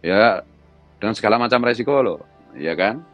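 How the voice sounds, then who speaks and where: Middle-aged Javanese-accented man, religious commentator, loud and scolding, low voice with soft music underneath. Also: animated, normal speed, dull audio. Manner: loud, high-pitched scolding delivery. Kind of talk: heated monologue.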